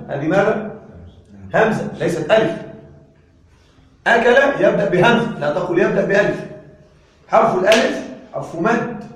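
Guy teaching grammar, high voice, keeps quizzing the class, far from the mic in a big echoey room. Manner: lively, asks the class questions and answers them himself. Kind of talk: classroom lecture.

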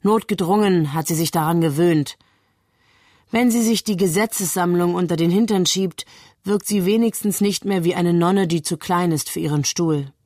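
A woman narrating a literary story in a measured, calm way. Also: fairly low pitch, no room sound, clean studio sound. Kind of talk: literary reading.

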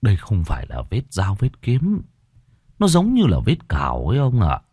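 Brief: a male narrator playing a wary old country healer, deep and hushed, dry close sound. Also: wildly swooping pitch, moderate pace, slightly rough, dry recording, heavily acted. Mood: muttering. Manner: low, muttering, deferential.

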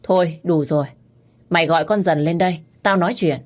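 A woman's voice: lowish voice, steady tone, brisk, darkish tone, lightly acted. A woman voicing a harsh older mistress of a rich household, speaking curtly and with scorn. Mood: stern. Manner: curt, scornful, bossy.

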